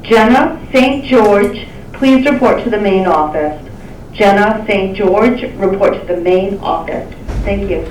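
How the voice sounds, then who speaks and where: Woman on a school intercom. Formal, measured office page, heard distant through an echoey loudspeaker with faint noise. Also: mid-range voice. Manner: formal, measured paging announcement. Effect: school intercom announcement over a loudspeaker. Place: school room, heard through a ceiling speaker.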